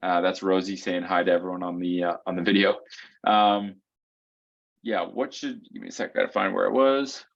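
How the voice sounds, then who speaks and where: Man, low voice, casual Q&A co-host, explanatory, says "right?" a lot, dull lo-fi video call audio. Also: level tone, moderate pace, vocal fry. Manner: explains step by step, keeps checking in with "right?" and "um". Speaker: co-host of a foot health community call.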